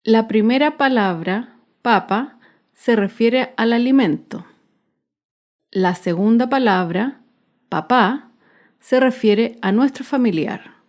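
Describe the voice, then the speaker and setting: A woman narrates a grammar lesson at an unhurried pace, pronouncing each example word slowly and clearly. Her voice sits somewhat high, and she leans on stressed syllables with deliberate care. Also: a little mellow. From Chile. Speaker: teacher.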